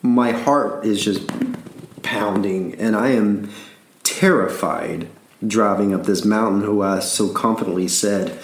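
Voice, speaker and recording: A man's voice: on the low side, unhurried, echoey room. A man from Alabama with a Southern accent, rambling through a casual story with frequent laughs and repeated words.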